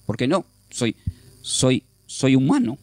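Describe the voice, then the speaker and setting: A man's voice: medium pitch, big pitch swings, takes it slowly, a little mellow, slight background noise. A man teaching a Bible class, explaining step by step and often checking with his listeners. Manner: repeats and restarts while thinking aloud.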